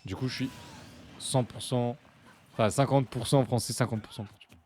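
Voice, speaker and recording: A young man from France casually commentating a live fighting-game match, chatty and joking with his chat, with sudden bursts of excitement. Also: mid-range voice, moderate pace, a little hiss or hum. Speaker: esports commentator and stream host.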